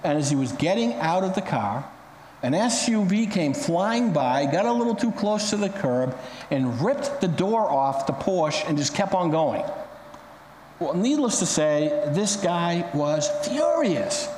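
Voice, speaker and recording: A man's voice: on the high side, very animated, unhurried, a little mellow, reverberant, in a large hall, a little hiss or hum, rough recording. A male pastor preaching a sermon, telling stories dramatically and acting out the quotes. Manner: dramatic storytelling with acted quotes.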